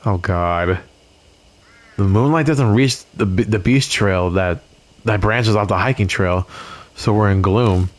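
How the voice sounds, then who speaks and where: A man's voice: lowish voice, a little slow. Nervous man reading a horror game aloud. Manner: jittery, swearing and laughing nervously. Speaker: let's play host. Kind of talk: reading game text and reacting.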